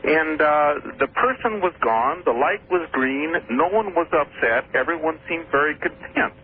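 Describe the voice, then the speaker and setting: A caller from Washington State tells his story on a radio call-in show, sounding hesitant and repeating his words over a tinny phone line with faint noise. His voice is on the high side, animated, at a moderate pace.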